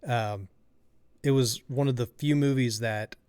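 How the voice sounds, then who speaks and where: A man co-hosting a podcast, telling a relaxed story with lots of fillers. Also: mid-range voice, unhurried, clean tone, no echo. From Kansas City area. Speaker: podcast co-host. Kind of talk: casual chat.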